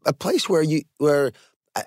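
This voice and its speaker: A man's voice: a little high, expressive, unhurried, no room sound, studio quality. A man hosting a talk show, earnestly putting questions to his guest.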